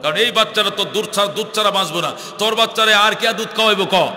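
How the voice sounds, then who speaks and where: High-voiced preacher in echoey hall. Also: male voice, quick pace, pushed and bright. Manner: dramatic storytelling, acting out quoted speakers with pitch swings, sometimes chanting. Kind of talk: Bengali waz sermon storytelling.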